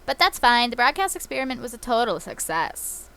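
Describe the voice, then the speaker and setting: A woman's voice: on the high side, big pitch swings, a little fast, vocal fry, bright, forceful tone, smooth, full character voice. A woman reading aloud the lines of a scheming female villain from a game, in a mock-menacing tone. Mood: smug.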